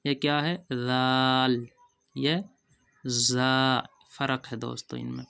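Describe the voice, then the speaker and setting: A woman teaching a Quran reading lesson, stretching every letter name long and explaining the differences with patient care. Her voice sits very low and stays nearly flat. Her tone is smooth and clear. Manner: drawn-out letter names, often addresses viewers as friends. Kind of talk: slow letter-by-letter recitation lesson.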